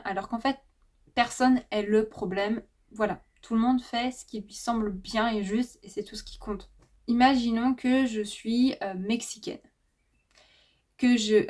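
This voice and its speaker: A woman's voice: fairly high pitch, darkish tone. A young adult woman talking to camera in a casual, reflective monologue, thinking aloud with frequent fillers and restarts. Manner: thoughtful, hesitant, many fillers and restarts. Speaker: spirituality vlogger.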